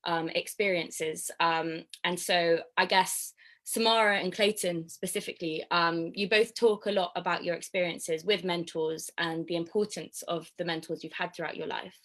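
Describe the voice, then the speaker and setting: A woman's voice: fairly low pitch, steady tone, moderate pace, a bit bright. A woman hosting an online panel discussion over a video call, speaking with frequent ums in a friendly, organized way. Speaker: host.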